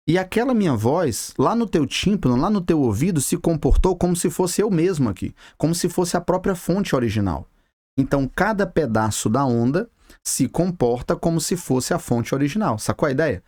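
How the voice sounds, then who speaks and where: A man's voice: fairly high pitch, a little mellow, no room sound, clean studio sound. A Brazilian man teaching a physics video lesson, chatty and talking straight to the viewer with casual slang. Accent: Brazilian Portuguese. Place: classroom with a board.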